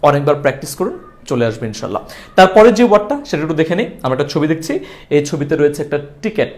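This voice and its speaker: A man teaching a pronunciation lesson at a quick clip. His voice sits a little high and swings widely in pitch. He fires off his own questions, answers them, and repeats each word in short drills. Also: big pitch swings, darkish tone. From Bangladesh. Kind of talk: lively video lesson in Bengali.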